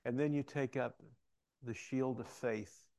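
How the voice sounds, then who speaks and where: Man, middle-aged, sermon, storytelling, gravelly voice, acts out quoted voices. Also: medium pitch, fairly even intonation, unhurried, mellow. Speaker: preacher.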